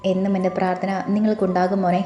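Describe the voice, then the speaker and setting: A woman voicing an affectionate middle-aged mother who worries and gently scolds. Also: mid-range voice, little pitch movement, fast talker, natural voice. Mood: fond. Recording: roomy with faint music.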